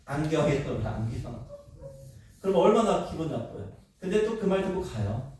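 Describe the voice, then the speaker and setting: A middle-aged man preaching a sermon as pastor, animated, asking the congregation questions and acting out voices. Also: fairly high pitch, fairly quick, recorded from a distance, slight background noise. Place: church sanctuary. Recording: echoey church hall, speaker away from the mic.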